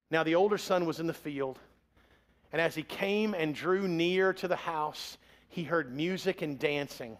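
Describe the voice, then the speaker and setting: A man in his forties preaching a sermon as pastor, in a conversational, joking way. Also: on the high side.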